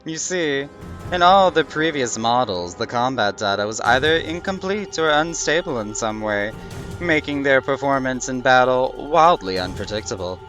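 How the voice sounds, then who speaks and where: A man acts out a pompous villainous lord and inventor from a video game. He gloats and condescends theatrically, with very animated pitch. Music plays clearly behind him. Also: moderate pace, lightly acted. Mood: smug lecturing.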